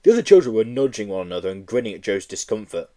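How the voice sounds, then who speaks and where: A man reading a children's book aloud in an animated storytelling manner. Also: fairly low pitch, quick pace. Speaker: audiobook reader. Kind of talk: storybook narration.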